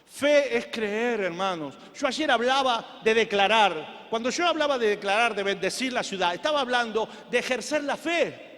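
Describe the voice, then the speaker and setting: A man with a very high, bright and forceful voice preaches a sermon with fervor, rising to shouts and then dropping back to quiet intensity. His words ring out in the long reverb of a church hall. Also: expressive, moderate pace. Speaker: pastor. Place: church sanctuary.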